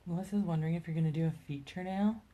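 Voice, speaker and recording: A woman's voice: on the low side, fairly even intonation, rapid-fire, phone-quality sound. A woman in a salon chatting casually and reading out viewer questions during a live stream. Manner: easygoing, reads out viewer questions. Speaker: assistant reading viewer comments. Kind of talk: casual chat. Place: nail salon.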